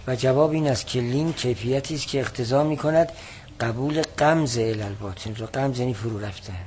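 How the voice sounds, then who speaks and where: A man teaches a classical text in a steady, explanatory way, with a voice neither high nor low. He reads quoted passages slowly and with more weight. A faint background hiss sits under the recording.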